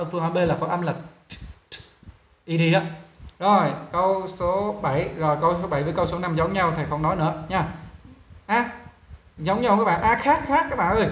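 A male English teacher with a Vietnamese accent, walking students through pronunciation and repeating model words slowly while checking whether they follow. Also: high-pitched, echoey room. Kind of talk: pronunciation lesson.

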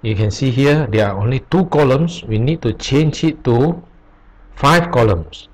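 In a screen-recorded coding tutorial, a programming tutor explains slowly and haltingly, with pauses. He has a husky, mid-range voice, and the recording is dull and lo-fi.

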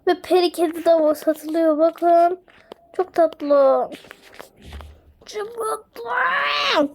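Excitable high-voiced young woman gamer. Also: slow. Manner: excitable, squeals and cries out in delight. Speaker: gaming channel host. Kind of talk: casual game commentary.

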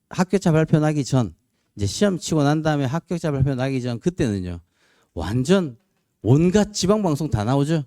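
A man's voice: medium pitch, no echo, clean studio sound. A man in his forties giving a chatty classroom lecture to exam students, acting out other people's lines as he goes. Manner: chatty and animated, acts out students' and family's lines. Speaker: police promotion exam instructor. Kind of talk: classroom lecture, pep talk. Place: lecture room.

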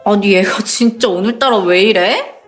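A young woman acting an exasperated but loyal friend in an audio drama, with a nagging, expressive delivery. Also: medium pitch, moderate pace, echoey room, faint music behind, lightly acted. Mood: exasperated, fussing. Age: young adult.

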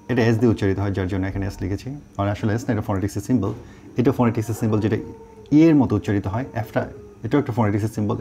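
A middle-aged man who teaches English, explaining pronunciation and spelling words out slowly, mixing English words into his talk. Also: lowish voice, mellow, a little hiss or hum. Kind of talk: online pronunciation lesson.

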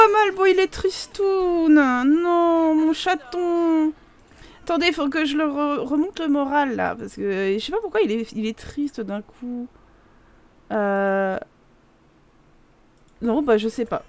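Une joueuse bavarde à la voix aiguë. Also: female voice, high voice, slow. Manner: chatty and excitable, laughs often and exclaims. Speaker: gaming video host. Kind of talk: casual Let's Play commentary.

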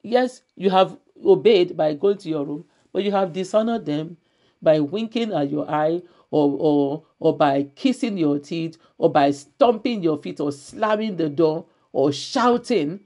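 A woman's voice: sits low, expressive, a little slow, dark tone. A woman pastor preaching a church sermon, repeating her key phrases emphatically and reading scripture aloud.

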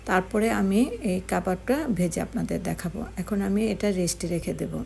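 Gravelly woman explaining a home recipe. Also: on the low side, fairly even intonation, a little mellow, slight background noise. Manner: slow, step-by-step explaining with fillers. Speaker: cooking channel host. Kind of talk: home cooking tutorial narration.

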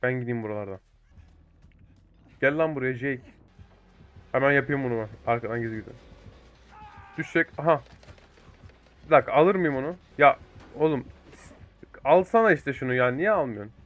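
A young man giving excitable live commentary over a multiplayer game, swearing and talking to teammates and viewers. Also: mid-range voice, normal speed, pauses often, muffled recording. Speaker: gaming YouTuber.

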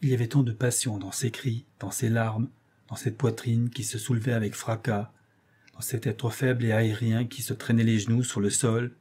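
A man reading a literary audiobook aloud with measured, expressive narration. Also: mid-range voice, breathy edge. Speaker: audiobook reader.

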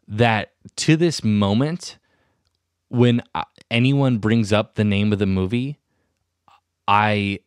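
A young man with a low voice hosts a solo podcast and rambles from thought to thought. He puts himself down and sounds restless. The recording is dry and close to the mic. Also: no echo. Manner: self-deprecating, rambling, restless. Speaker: podcast host. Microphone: studio mic with headphones.

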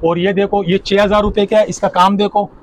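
A man, a shopkeeper showing clothes and briskly repeating prices on a lapel mic in a crowded market shop. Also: high-pitched, level tone, slight background noise. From Pakistan. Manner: brisk, repetitive price listing. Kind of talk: showing goods and quoting prices.

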